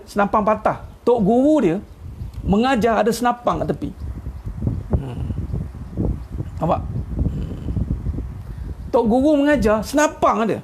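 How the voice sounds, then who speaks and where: A man's voice: high-pitched, creaky, darkish tone, slight background noise. A middle-aged man with a Malaysian Malay accent gives an informal religious talk online as an ustaz. He is chatty and teasing, and chuckles at his own jokes. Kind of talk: informal sermon.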